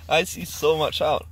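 A man's voice: a little high, a bit bright. A young man chatting cheerfully and joking with friends while filming a road trip vlog outdoors on a handheld camera. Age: young adult. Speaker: vlogger. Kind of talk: casual travel vlog chat. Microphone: handheld camera close to face.

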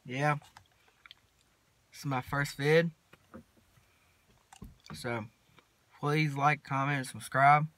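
A teenage boy, rambling casually to his phone camera from inside a parked truck, mumbling in a laid-back drawl with long pauses. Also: medium pitch, steady tone, a bit bright. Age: teens. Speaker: vlogger. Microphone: phone camera at arm's length.

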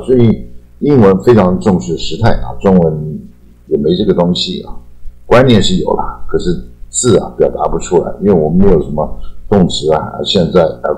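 Older man, Taiwanese Mandarin accent, very deep voice, relaxed chatty teacher who draws out his particles, soft music bed. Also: low-quality recording. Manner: chatty, drawn-out sentence-final particles. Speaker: English teacher. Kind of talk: casual explanatory lesson.

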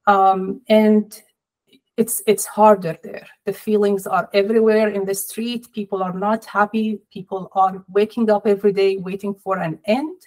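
Middle-aged woman, interview guest, video call audio, slow and deliberate, sorrowful tone, small indoor room. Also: mid-range voice, little pitch movement, darkish tone, poor audio. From Palestinian, family in Jordan. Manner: measured, sorrowful, deliberate pauses. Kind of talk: personal interview. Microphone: laptop or webcam on video call.

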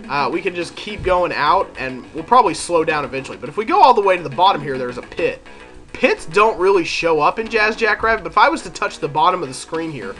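Congested from a head cold, this man offers casual let's play commentary, chatting and musing aloud over game music. His voice sits on the high side with a sharp tone.

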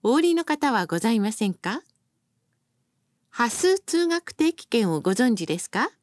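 Bus announcements are read by a woman at a moderate pace, using a fairly high voice with a lively, melodic lilt. She sounds formal and courteous and pronounces each phrase carefully. The recording is dry and close, with no room sound.

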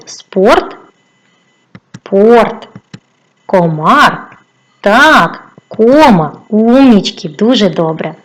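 A woman teaching a video lesson to young children, encouraging and lively, with a sing-song way of asking questions. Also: mid-range voice. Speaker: primary school teacher.

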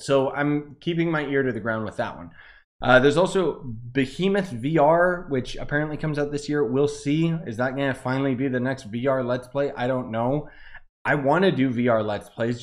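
A man rambles through a casual gaming vlog in an easygoing, filler-heavy way. His voice sits at an ordinary middle pitch. It bounces with heavy echo and reverb, as if recorded in a big, bare room. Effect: echoey reverb in the room. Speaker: gaming YouTuber.

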